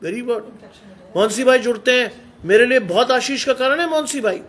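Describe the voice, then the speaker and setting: High-voiced man preaching a sermon. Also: moderate pace, a bit bright. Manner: exhorting, rhetorical questions to the congregation. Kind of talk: Hindi sermon.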